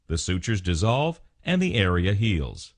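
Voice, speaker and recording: A man reading scripted instructional narration as a medical explainer, in a formal, measured, clinical way. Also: low-pitched, big pitch swings. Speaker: narrator of dental explainer videos.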